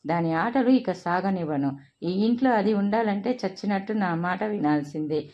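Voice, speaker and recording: A woman's voice: mid-range voice, lively intonation, normal speed, lo-fi sound, close to an everyday voice. A woman voicing a furious, bitter middle-aged mother who scolds shrilly in a read-aloud family story.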